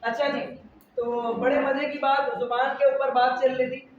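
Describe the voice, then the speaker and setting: A man's voice: very high voice, flat delivery, moderate pace, recorded from a distance, a little hiss or hum. A male biology teacher, giving a classroom lecture and quizzing students with repeated questions. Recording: echoey lo-fi room recording from afar.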